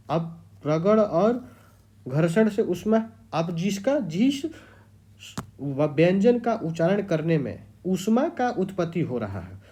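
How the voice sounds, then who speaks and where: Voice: mid-range voice, warm tone. A teacher giving an exam-prep grammar lecture, repeating key terms and quizzing the students.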